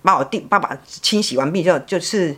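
A woman's voice: fairly low pitch, a little fast, fairly bright tone, breathy edge. A middle-aged woman with a Taiwanese Mandarin accent, telling a family story as a podcast guest in a frank, blunt way, often repeating words as she talks. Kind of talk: personal storytelling chat.

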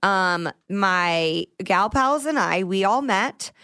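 A woman hosting a podcast in a studio, chatting playfully with quick banter and frequent laughs. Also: medium pitch, expressive, bright, forceful tone, smooth, dry recording. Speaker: podcast host. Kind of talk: casual chat.

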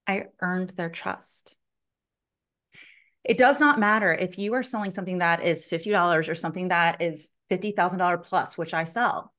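Lively storytelling woman. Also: fairly low pitch. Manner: lively, fast storytelling full of "like" fillers, with casual swearing. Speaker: sales consultant and podcast guest. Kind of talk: animated storytelling in a casual interview.

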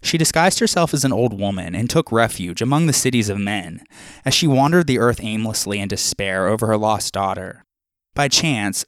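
A man hosting a podcast, telling old myths as steady scripted narration with small asides to listeners. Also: on the low side, no room sound, clean studio sound. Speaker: podcast host.

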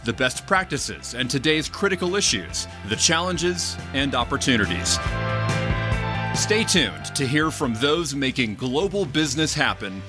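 Male announcer, animated polished promo read over strong guitar bed. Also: mid-range voice, unhurried. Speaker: show announcer. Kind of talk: scripted promo intro. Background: loud guitar music.

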